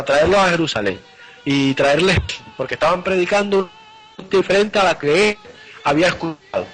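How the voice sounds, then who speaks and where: A man's voice: fairly high pitch, a bit bright, rough recording. A man preaching a live sermon, earnestly retelling scripture and often repeating and restarting his phrases.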